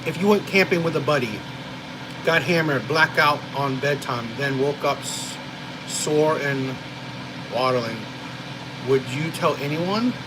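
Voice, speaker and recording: Jersey streamer dude chatting to his chat, kinda high voice, keeps saying right, ac humming behind. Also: a little slow, background noise. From New Jersey, USA. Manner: rambling, frequent "right?" and "you know". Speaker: live-stream host reading chat. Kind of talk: casual live-stream chat.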